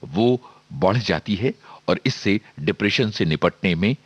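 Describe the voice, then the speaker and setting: A man presenting on radio, sharing information in a measured way with frequent filler pauses. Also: deep voice, animated, breathy edge, no room sound, muffled recording.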